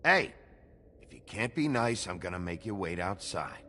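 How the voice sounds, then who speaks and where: An actor playing a gruff, world-weary wolf-man lawman in a video game, terse, tough and restrained, with a deep gravelly voice. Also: normal speed, fairly bright tone, a little hiss or hum. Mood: stern warning. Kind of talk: video game character acting.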